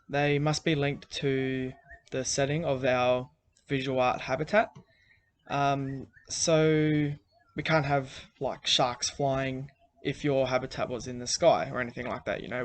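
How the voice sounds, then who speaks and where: A man gives recorded instructions to a class, speaking in a relaxed, unhurried way. He often pauses with an "um" or "uh". His voice sits at a middle pitch, with faint noise in the background. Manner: relaxed, many fillers. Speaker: teacher.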